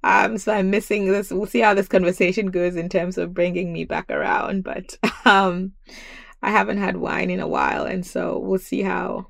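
Woman host from Ghana, gravelly fry, dry close sound, hesitant with many ums. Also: mid-range voice, fairly even intonation, moderate pace, dry recording. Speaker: podcast host. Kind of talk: casual podcast interview.

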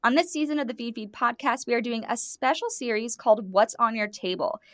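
A fairly high-voiced woman hosts a food podcast with bright enthusiasm, reading her guests' introductions with plenty of emphasis. The recording is dry and close, with no room sound. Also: brisk, no echo. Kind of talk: scripted introduction then interview.

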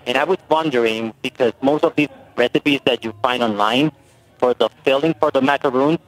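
A man calling in to a radio show over a buzzy, glitchy phone line that keeps breaking up, asking his question haltingly with ums. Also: mid-range voice. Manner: halting, searching for words with ums. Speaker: caller.

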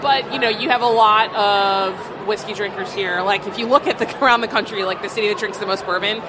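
A woman's voice: mid-range voice, steady tone, fairly quick. A woman co-owner of a distillery talks loosely, full of fillers. Her voice sits mid-range. Market noise runs steadily behind her. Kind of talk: casual interview answers. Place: busy food market. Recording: noisy market background.

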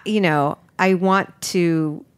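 A woman's voice: lowish voice, fairly even intonation, takes it slowly, clear, resonant tone. A woman hosting a podcast interview, talking in a rambling, hesitant way with many restarts. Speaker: podcast host, food business owner. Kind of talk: casual interview chat.

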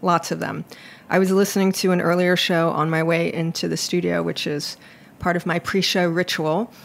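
A woman's voice: fairly low pitch, flat delivery, moderate pace, vocal fry. A woman hosting a live radio interview show, addressing listeners and guests from a small studio. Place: small broadcast studio in a shipping container.

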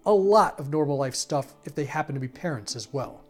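A man reporting a news feature in a measured, scripted narration. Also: a little high, expressive, a little mellow, faint music behind.

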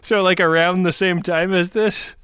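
A man with a high, clear, resonant voice co-hosts a podcast, speaking at normal speed with fairly even intonation and a fairly bright tone. He jokes through a recap of a TV episode, laughing a lot and doing playful voices for scenes. The studio-quality recording has no room sound.

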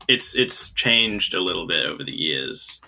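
A young guest musician from New Zealand who was raised in China chats casually in an interview, hesitating and rambling with lots of fillers. His voice is deep and unhurried, with lively intonation, vocal fry, and a sharp tone.

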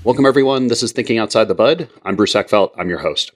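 A man's voice: lowish voice, expressive, quick pace, soft background music. A man hosting an interview podcast, rambling and full of fillers as he introduces his guest and asks questions. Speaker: podcast host. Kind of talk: interview conversation.

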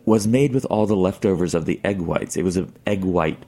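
Deep-voiced man explaining food traditions. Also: warm tone. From Czech Republic. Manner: thoughtful, explains with many pauses and fillers. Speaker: food historian guest. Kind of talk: casual studio conversation. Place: radio studio.

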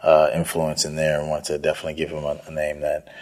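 With a bass voice, a completely flat delivery and a quick pace, the speaker sounds a little mellow. He is a thirty-year-old Houston chef and restaurant owner, from the city's northeast side, thinking his way hesitantly through conversational answers as an interview guest.

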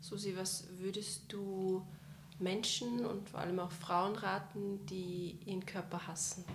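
A woman interviewer in a mid-range voice asks short questions and makes quiet listening sounds. Faint noise sits behind her. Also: medium pitch, flat delivery, unhurried, vocal fry.

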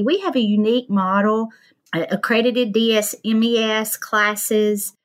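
A woman's voice: medium pitch, a bit bright. A woman in her fifties with an Appalachian Kentucky accent, speaking as an interview guest about her work in a folksy, self-deprecating way. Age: 50s. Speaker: podcast guest, nurse and diabetes educator. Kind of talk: interview talk, telling of own work.

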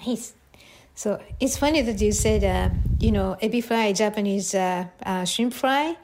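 A woman hosting a podcast interview, speaking in a friendly, slightly halting manner. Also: mid-range voice, a little mellow, slight background noise. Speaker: podcast host.

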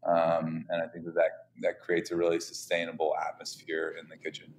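Man, very low voice, chef, casual interview, eager, frequent restarts. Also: completely flat delivery, a little fast, slight background noise.

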